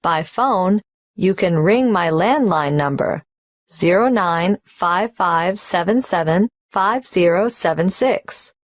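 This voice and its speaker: A slow, careful migrant applicant. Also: female voice, on the low side, expressive, no room sound, studio quality. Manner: hesitant, careful, spells out details. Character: young adult woman migrant applying for a tax number. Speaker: applicant at the tax office. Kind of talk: scripted exam dialogue.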